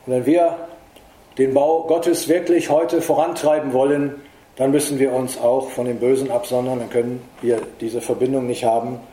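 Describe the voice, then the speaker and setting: A middle-aged man preaching a sermon in earnest, emphatic tones, rising in pitch to stress his points. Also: warm tone, a little hiss or hum. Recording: echoey room.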